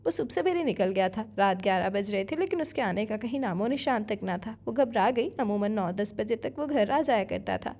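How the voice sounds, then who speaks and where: A woman narrating a romance novel aloud in a steady, even storytelling manner. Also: medium pitch, hardly any pauses.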